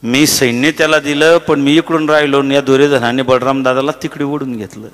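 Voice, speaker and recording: A calm, shrewd divine adviser who gives measured counsel, voiced by a preacher in his own register. The tone is bright, with a long hall echo behind it. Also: medium pitch, close to an everyday voice. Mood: worried. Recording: reverberant hall.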